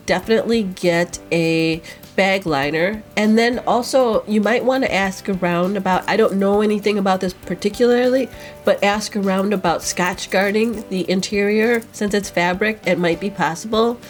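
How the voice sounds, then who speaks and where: A woman vlogger, stuffy and sniffling with a cold, rambling in casual chat as she answers viewer questions. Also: medium pitch. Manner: rambling, chatty, with fillers.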